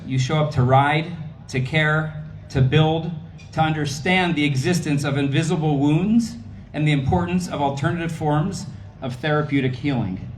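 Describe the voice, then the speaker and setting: A man's voice: on the high side, moderate pace, few pauses, slight background noise. A man gives an earnest, rhythmic closing speech of thanks at a gala dinner.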